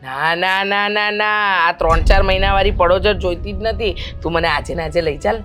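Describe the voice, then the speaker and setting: A woman playing a pushy middle-aged mother-in-law who wants a grandson, talking loudly and insistently in a family drama. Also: medium pitch, moderate pace, soft background music, natural voice. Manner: loud, insistent, scolding. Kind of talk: amateur family drama acting.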